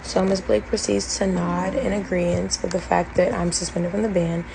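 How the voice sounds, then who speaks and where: A woman's voice: on the low side, flat delivery, normal speed, vocal fry, warm tone, a little hiss or hum, poor audio. A young woman earnestly recounting her college experience in a storytime vlog, detailed and full of fillers. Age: young adult. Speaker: former college band member telling her story.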